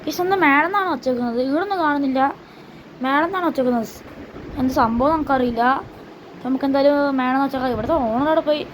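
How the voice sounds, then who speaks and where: A woman's voice: high voice, fast, a little hiss or hum. A woman hosting a gaming channel, chatting casually through her gameplay and often repeating herself. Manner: chatty, repeats herself, slangy address to viewers.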